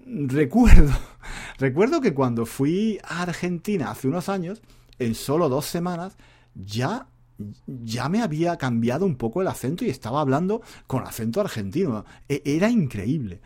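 In an informal spoken lesson, a male Spanish teacher and podcaster talks at normal speed, his voice carrying a breathy edge. He rambles in a chatty, relaxed way, pitch moving up and down a lot. Repetition is constant as he circles back on his own phrasing.

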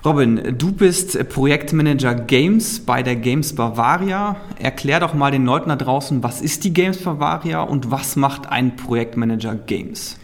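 This is a male podcast host with a medium-pitched voice. He introduces and questions his guest in a casual, conversational style. He is recorded on location in a roomy indoor space. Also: lively intonation, normal speed, hardly any pauses.

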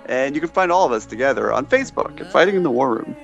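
A man's voice: medium pitch, animated, fast talker, vocal fry, a bit bright, soft background music. A man co-hosting a film podcast as a critic, talking casually over slightly lo-fi audio. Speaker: podcast co-host.

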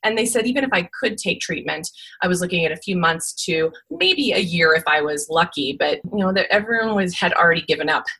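Female podcast guest, 40s, smoker's rasp, bright forceful edge, candid and emphatic storyteller. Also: fairly low pitch, expressive, brisk, few pauses, poor audio. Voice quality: smoky, raspy, like a smoker's rasp. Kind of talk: candid personal storytelling in conversation.

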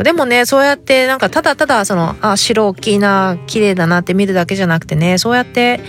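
A woman in her thirties from Japan with a Hakata accent, hosting a casual solo chat and telling stories animatedly with quoted dialogue. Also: on the low side. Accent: Hakata dialect. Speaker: podcast host.

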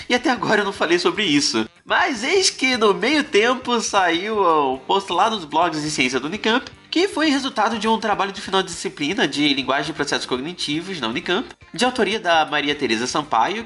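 Chatty, animated podcast host. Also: mid-range voice. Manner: chatty, conversational, asks rhetorical questions. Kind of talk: casual explanatory science podcast.

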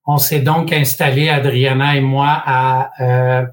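With a medium pitch and flat delivery, a Québécois-accented man in his sixties from Quebec talks through his story as an interview guest and franchise expert. He keeps it measured, hesitating often and adding a dry sense of humor, while slight background noise sits under the recording.

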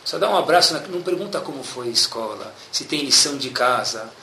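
A man, giving a sermon as a religious teacher and telling stories in a lively, animated way, often checking in with his listeners. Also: medium pitch, brisk, a little hiss or hum. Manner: keeps asking "tá bom?" as a check-in. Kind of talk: sermon with storytelling. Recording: echoey room.

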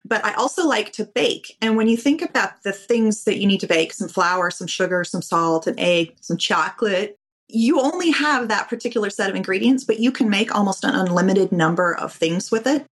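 A woman's voice: medium pitch, animated, normal speed, fairly bright tone, slightly rough. Thoughtful woman guest explaining ideas. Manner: thoughtful, explains with everyday examples. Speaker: guest, copywriter. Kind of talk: interview answers.

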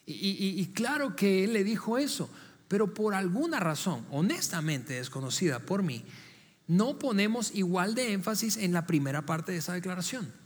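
A man's voice: sits high, animated, normal speed, breathy edge, long reverb tail. A man preaching a sermon as pastor, speaking conversationally, asking the congregation direct questions and often repeating and restarting words.

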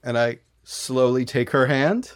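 Slow-talking man narrating his character. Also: medium pitch, smooth, no echo, studio quality. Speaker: player.

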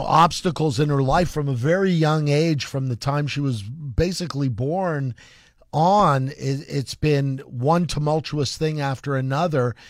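A man's voice: on the high side, no echo, clean studio sound. A man co-hosting a talk show, sincere and encouraging toward the guest. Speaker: co-host. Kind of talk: studio interview.

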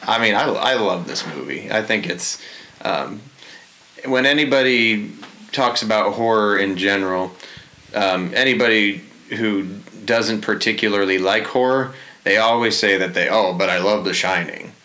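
A man's voice: fairly low pitch, normal speed, pushed and bright, rough recording. A man hosting a casual podcast chat, rambling with lots of fillers and restarts. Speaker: podcast host.

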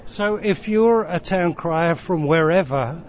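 A man's voice: a little high, slow pace. A middle-aged man interviewing casually, with an appreciative, encouraging way of asking questions. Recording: dull recording with clear background noise.

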